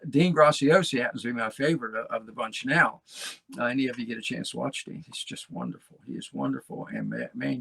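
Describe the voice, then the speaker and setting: A man in his seventies hosting a talk show, folksy and rambling, encouraging his listeners with a gravelly voice. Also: mid-range voice, a bit bright, no room sound, low-quality recording. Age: 70s. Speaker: podcast host. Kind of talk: motivational casual talk.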